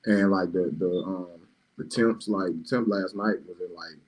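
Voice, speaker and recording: Co-host, man, lower register, relaxed slangy banter. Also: normal speed. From Louisiana. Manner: laid-back, slangy, laughs often. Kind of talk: casual chat. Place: home.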